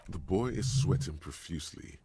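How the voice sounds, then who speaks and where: An actor voicing a wry omniscient narrator in a video game, dry and measured. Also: male voice, low voice, lively intonation, warm tone, husky, dry recording, exaggerated voice.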